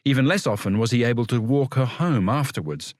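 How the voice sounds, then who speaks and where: A man's voice: medium pitch, animated, brisk, no echo, studio quality. A man reading a literary story as a scripted audiobook narration.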